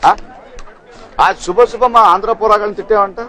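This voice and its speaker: A brash auto driver. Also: male voice, sits high, steady tone, bright, forceful tone. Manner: mixes Hindi into Telugu, quick-tongued and teasing. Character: streetwise male auto driver, brash but tender. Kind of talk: film drama dialogue.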